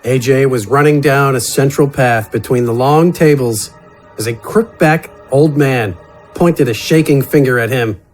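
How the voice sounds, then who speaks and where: Scripted fantasy adventure narration comes from a man who is a narrator and voice actor, delivered in a dramatic storytelling style. His pitch is medium and his pace unhurried, with music in the background.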